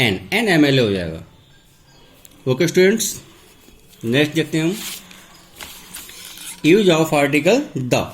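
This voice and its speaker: A man teaching English grammar. He asks a question and then answers it himself. He repeats each key word slowly, like a classroom teacher. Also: fairly high pitch. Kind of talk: classroom lesson, step-by-step explanation.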